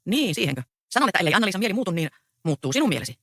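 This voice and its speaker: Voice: medium pitch, big pitch swings, sharp tone, dry recording, studio quality, exaggerated voice. A reader voicing a sly, mocking peasant man in a stage play read aloud. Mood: taunting. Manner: mocking, taunting. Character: taunting grown peasant man, sly troublemaker.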